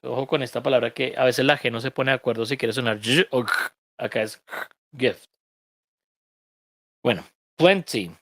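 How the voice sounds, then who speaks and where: A man's voice: medium pitch, fairly even intonation, quick pace, a bit bright, no echo. Colombian man teaching English, dry sound. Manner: explains pronunciation patiently with joking asides. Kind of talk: bilingual online reading class.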